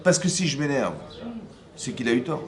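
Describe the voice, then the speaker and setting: A man, a rabbi, giving a lively Torah class, often acting out dialogue and asking his listeners whether they follow. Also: mid-range voice, normal speed, a crowd in the background. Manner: acts out dialogue in first person.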